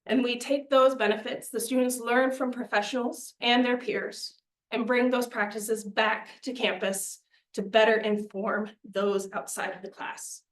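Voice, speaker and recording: A woman's voice: a little high, fairly even intonation, unhurried. A young woman presenting a student media budget to a committee, earnest and persuasive, a little out of breath. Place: meeting room. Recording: echoey meeting room.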